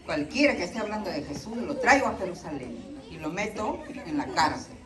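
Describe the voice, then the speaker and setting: A woman voicing an angry, zealous man who hunts down believers, speaking lower and quieter than her telling voice. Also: expressive, a little fast, a crowd in the background, close to an everyday voice. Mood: menacing. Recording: echoey room from far off.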